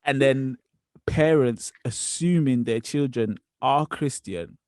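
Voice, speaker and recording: A man in his twenties hosting a casual podcast chat, relaxed and easygoing, with frequent ums. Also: mid-range voice, slow pace, no room sound. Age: 20s. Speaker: podcast host.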